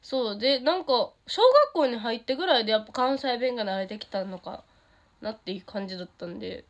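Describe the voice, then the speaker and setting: A bubbly teenage girl with a Kansai accent chats casually on a livestream, reading out fan comments. Her voice sits fairly high and she is quick to laugh and light up. She keeps a relaxed, friendly chat going with her fans. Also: lo-fi sound. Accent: Kansai Japanese. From Japan. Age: teens. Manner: bubbly, giggly, easily delighted by comments. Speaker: idol streaming to fans.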